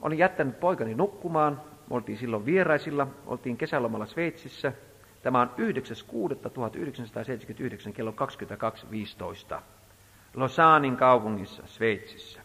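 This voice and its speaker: A man preaching a sermon, telling a story in an emphatic, animated way. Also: mid-range voice, husky. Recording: reverberant hall.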